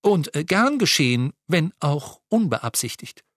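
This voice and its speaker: A man's voice: on the high side, big pitch swings, measured pace, fairly bright tone, dry recording, pitched above the performer's own voice, heavily acted. A man voicing a blunt, practical young female elf officer who talks in a direct, slightly wary way.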